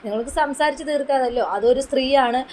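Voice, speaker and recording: A woman commenting on another person's video, explaining in a steady way. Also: high-pitched, quick pace, slight background noise, poor audio. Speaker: YouTube commentator.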